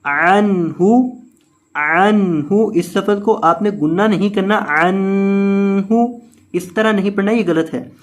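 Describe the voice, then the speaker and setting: A man's voice: sits high, unhurried. A man teaching tajweed, spelling out letters and vowel marks and repeating the words of the verse. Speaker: Quran teacher. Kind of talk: tajweed lesson with recitation.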